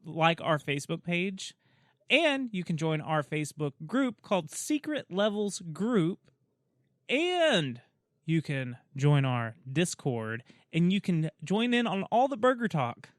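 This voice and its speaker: A man's voice: high-pitched, sing-song, slow pace, no echo, studio quality. A man co-hosting a podcast in casual, self-deprecating chat, laughing often. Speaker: podcast co-host.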